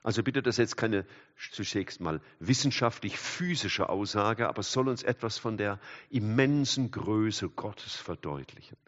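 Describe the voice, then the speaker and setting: An older man preaching a sermon, animated, swinging from loud exclamations to hushed asides and chatting with the congregation. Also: fairly low pitch, moderate pace. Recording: dull hall recording with long reverb.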